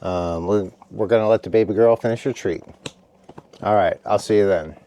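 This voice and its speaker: A tired, relaxed man chatting casually to his viewers from inside a heated tent at night, rambling and stopping to talk to his dog. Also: fairly low pitch, moderate pace. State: tired after a meal. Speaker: camping vlogger. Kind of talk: casual vlog chat.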